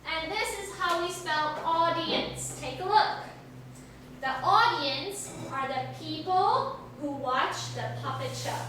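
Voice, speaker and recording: A woman teacher with a high, bright voice speaks slowly to a young class during an English lesson. Her instructions are simple and built on questions and repetition, and she encourages the children by praising their answers. The recording comes from a distant mic in a very echoey classroom, with faint noise in the background.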